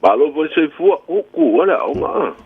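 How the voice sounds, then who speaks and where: A man's voice: fairly high pitch, sing-song, brisk, breathy edge, dry recording. A man with a Samoan accent talking casually as a guest in a radio interview. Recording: tinny phone line on radio.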